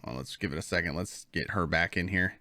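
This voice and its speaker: A man's voice: deep voice, brisk, bright, forceful tone, no room sound, studio quality. A man who is a military veteran, playing in an online tabletop game, joking around and swearing freely. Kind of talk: casual chat at the game table.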